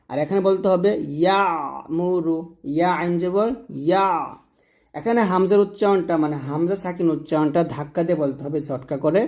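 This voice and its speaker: A man teaching Quran recitation, who stretches out each word slowly and contrasts thin and thick letter sounds by repeating them. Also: a little high, mellow. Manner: slow, drawn-out demonstration of letter sounds. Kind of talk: pronunciation lesson.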